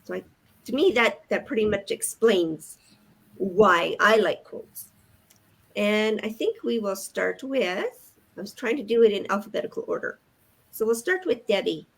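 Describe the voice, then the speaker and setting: A woman's voice: medium pitch, big pitch swings, unhurried, creaky, slightly rough. An older woman from Canada hosting a casual group video chat. She speaks in a friendly, organized way and reads short passages aloud. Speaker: host.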